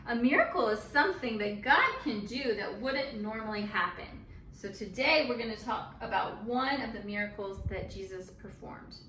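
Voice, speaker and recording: Speaking at normal speed, a woman with a slightly high, expressive, pushed, bright voice shares a Bible story with children, simple and encouraging with dramatic emphasis, in lively storytelling and conversation. A distant mic picks up a roomy sound and faint noise.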